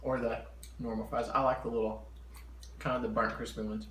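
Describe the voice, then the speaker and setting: A man's voice: medium pitch, little pitch movement, brisk, fairly bright tone. Casual male mukbang host, talks while chewing, echoey home kitchen, slight background noise. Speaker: mukbang vlogger. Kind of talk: casual eating-show chat to camera.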